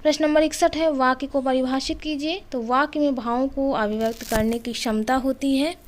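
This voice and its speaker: A woman's voice: high-pitched, steady tone, brisk, slight background noise. A woman teaching an exam-prep lesson. She reads out each question number and then explains the answer steadily.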